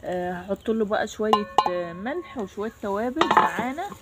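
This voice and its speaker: A woman's voice: medium pitch, lively intonation, brisk, very noisy. A woman with an Egyptian Arabic accent and a stuffy nose from a cold, casually talking viewers through home cooking step by step. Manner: homely, instructional, talks through each step.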